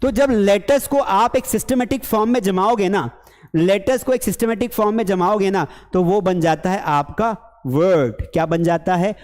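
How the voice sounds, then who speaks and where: A man's voice: high-pitched, moderate pace, darkish tone, in a large hall. A man from India teaching a spoken English lesson, chatty, asking questions and answering them himself. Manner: chatty, asks and answers his own questions, mimics students.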